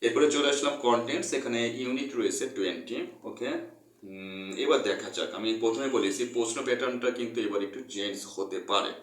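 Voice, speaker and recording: A man's voice: medium pitch, fast talker, distant mic. Echoey man teaching English. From Bangladesh. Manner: earnest, repeats points, mixes English terms. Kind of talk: explaining a textbook lesson. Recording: echoey room, voice off-mic.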